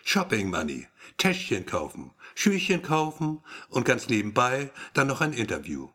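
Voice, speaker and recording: Sex: man reading a woman. Figure: a man voicing a sharp-tongued woman journalist. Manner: curt, sarcastic, lively pitch. Style: audiobook. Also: a little slow, full character voice. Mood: impatient.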